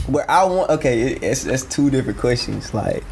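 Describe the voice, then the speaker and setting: A man's voice: mid-range voice, lively intonation, moderate pace, creaky. Young man, guest, laid-back slang talk, faint noise behind. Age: 20s. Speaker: guest, fashion brand founder. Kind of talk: casual podcast chat.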